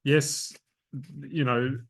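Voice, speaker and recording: An Australian man co-hosting a running podcast, explaining things in a calm, measured way. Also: mid-range voice. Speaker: podcast co-host. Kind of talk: casual chat.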